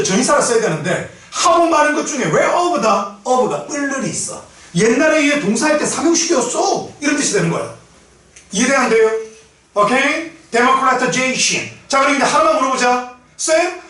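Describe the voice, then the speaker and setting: Man, English teacher, classroom lecture, blunt, profane, high bright voice, echoey distant classroom. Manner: blunt, profane, shouting at times, drills pronunciation. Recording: very echoey room from far off.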